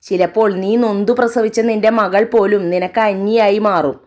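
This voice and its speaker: A woman's voice: mid-range voice, steady tone, normal speed, darkish tone, close to an everyday voice. A woman voicing an adult woman friend who speaks in an earnest, cautioning way. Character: frank adult woman friend giving a warning.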